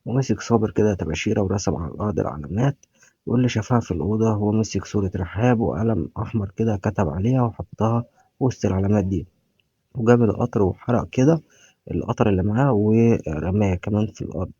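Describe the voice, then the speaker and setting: A man's voice: fairly low pitch, fast talker, warm tone, slightly rough, no room sound, dull audio. A man with an Egyptian Arabic accent giving a casual recap of a TV series, retelling scenes and reading characters' lines aloud.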